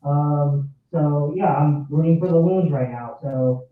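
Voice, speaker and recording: A man's voice: a little high, slow. A man calling in to a live show who sounds like he is at the bottom of a well, rambling and restarting his points with "look". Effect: sounds like down a well, tunnel-like echo. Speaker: caller. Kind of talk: fan venting on a call-in. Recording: distant echoey lo-fi call line.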